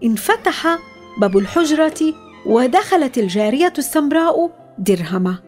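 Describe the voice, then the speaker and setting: A woman reads a children's tale aloud, her voice high and lively with wide swings in pitch. She tells the story dramatically. Faint music runs underneath. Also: moderate pace. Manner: expressive, dramatic.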